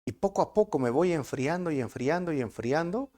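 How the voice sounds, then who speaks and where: A man with a Peruvian Spanish accent preaching a verse-by-verse sermon as pastor, with animated delivery and rhetorical questions. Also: a little high, fairly quick.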